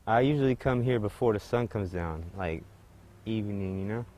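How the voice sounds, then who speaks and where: A man's voice: fairly low pitch, normal speed, warm tone. Man vividly retelling a street story. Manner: vivid retelling with quoted dialogue and cussing. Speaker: interviewee. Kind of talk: casual storytelling. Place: outdoors by a creek in a park.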